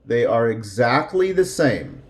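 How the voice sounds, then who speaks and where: A man teaching a slow, deliberate English lesson, repeating words clearly for learners. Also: medium pitch, sing-song.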